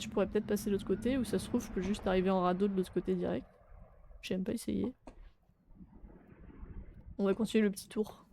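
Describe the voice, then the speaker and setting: Young adult woman streamer, casual game commentary, mid pitch, talkative with sudden loud outbursts, faint background noise. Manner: chatty, swears, sudden loud exclamations.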